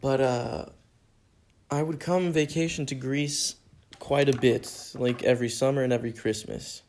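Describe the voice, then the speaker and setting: A young American man hosts a solo podcast, answering fan questions in an earnest, rambling style that circles back on itself. His mid-range voice is fairly even in intonation, a little slow, and darkish, with slight background noise.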